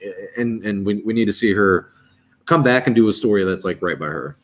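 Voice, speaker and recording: A man in his twenties with a lowish voice talks fairly quickly while hosting a casual livestream. He rambles and restarts as he reads chat and thinks out loud.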